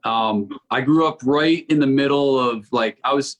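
A man in his forties from Connecticut, a record label founder talking as a guest in a casual interview, often restarting and repeating words. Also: medium pitch. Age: 40s. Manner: halting, repeats words while thinking.

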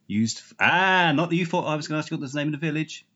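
A man's voice: a little high, expressive, rapid-fire, pushed and bright, highs cut off. A man playing a boozy bumbling lecturer. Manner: rambling, evasive, blunt. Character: drunk, bumbling older male university lecturer. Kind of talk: improvised comedy sketch.

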